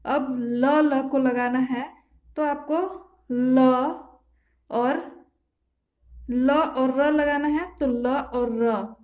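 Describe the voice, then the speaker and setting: A woman's voice: high-pitched, steady tone, a little mellow. A woman teaching shorthand step by step, repeating each sound and quizzing the listener as she writes. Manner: slow, repeats each sound and asks "what to read?". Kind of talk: step-by-step spoken lesson while writing. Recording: echoey room.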